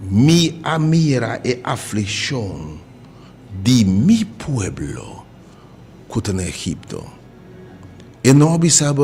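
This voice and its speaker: Slow fervent male radio preacher. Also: medium pitch, darkish tone. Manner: fervent, repetitive, rising to cries. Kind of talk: radio sermon.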